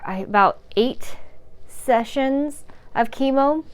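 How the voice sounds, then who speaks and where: A woman's voice: mid-range voice, smooth. A woman telling a frank, rambling personal story about caregiving, with restarts, swearing and chuckles. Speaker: caregiver sharing her story.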